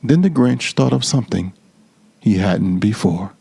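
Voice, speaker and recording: A man reading a storybook aloud as storyteller, in an expressive, theatrical and deliberate style. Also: on the low side, creaky, husky, no echo.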